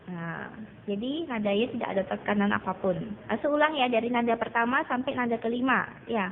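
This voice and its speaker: A woman's voice: a little high, fairly quick. A woman teaching a Mandarin class to children, patiently repeating vowel sounds to drill each tone. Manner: addresses students as children. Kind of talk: online class lesson. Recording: tinny phone-like recording.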